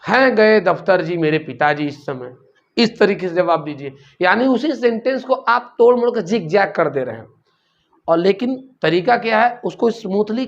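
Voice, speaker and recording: A man teaching a grammar lesson, explaining step by step and asking rhetorical questions as he goes. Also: high voice. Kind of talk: classroom-style grammar lesson. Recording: dull lo-fi recording.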